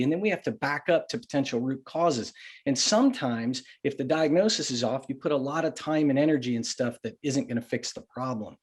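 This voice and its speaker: A man's voice: fairly high pitch, a little mellow, breathy edge. Man leading a virtual sales workshop. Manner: conversational, folksy with anecdotes. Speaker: workshop facilitator. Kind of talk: virtual master class presentation.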